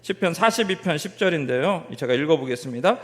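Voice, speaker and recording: Male pastor, high voice, tells stories in his sermon and keeps asking the pews questions; long church reverb. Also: brisk. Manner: lively storytelling, asks the congregation questions. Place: church during a Sunday afternoon service.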